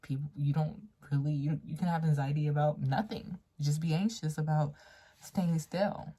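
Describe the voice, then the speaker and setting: A woman in her late twenties giving a casual tarot reading to camera, chatty and playful, laughing often and talking straight to the viewer in a very quiet room. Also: low voice, fairly even intonation, moderate pace, breathy edge. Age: late 20s. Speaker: tarot reader.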